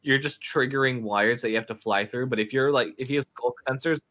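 A man's voice: mid-range voice, a little fast, bright, forceful tone. A man joking around with friends over voice chat while gaming, playful and pushing a running gag. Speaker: friend playing the game.

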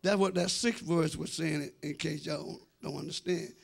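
Speaking at normal speed in a steady, gravelly, fairly high voice, a middle-aged American senior pastor delivers a sermon. He preaches emphatically, stretches out his phrases, and speaks straight to the congregation in the church sanctuary through a handheld microphone.

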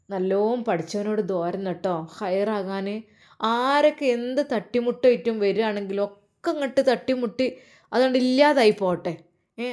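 A woman with a Malappuram Malayalam accent voicing a warm, devout older mother who speaks in a soft, prayerful way and gently blesses her daughter. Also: mid-range voice, lightly acted. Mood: blessing.

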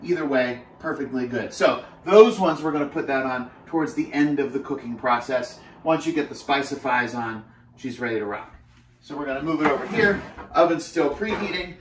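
A medium-pitched man in his thirties talks at a normal speed while hosting an upbeat, joking fitness cooking demo in a small home kitchen. The camera mic sits a few steps away, so his voice is slightly off-mic in the echoey room, with a little hiss or hum.

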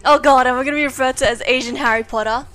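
A woman's voice: high voice, steady tone, very fast, a bit bright, faint music behind, low-quality recording. A young woman streaming games live, swearing freely and screaming when startled. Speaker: Twitch streamer. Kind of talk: live gaming stream reactions.

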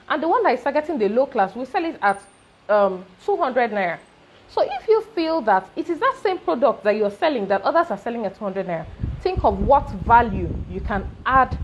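A woman with a Nigerian accent coaches on business in an animated, emphatic way, her fairly high voice leaping around. She keeps checking in with rising questions. A faint hiss of noise sits under the recording. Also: dull audio. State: briefly choking. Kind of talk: motivational business talk.

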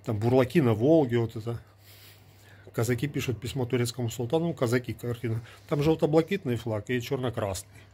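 Holding his phone at arm's length in a small room, a man from Ukraine in his forties vlogs casually to the camera through an earbud mic. His warm, slightly rough, medium-pitched voice moves briskly as he argues sarcastically and lectures.

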